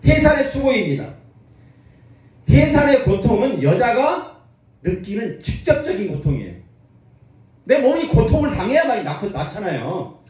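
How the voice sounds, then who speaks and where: Male pastor, high and animated sermon delivery with call-and-response, distant mic, very echoey hall. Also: normal speed, pauses often. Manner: lively preaching with call-and-response to the congregation.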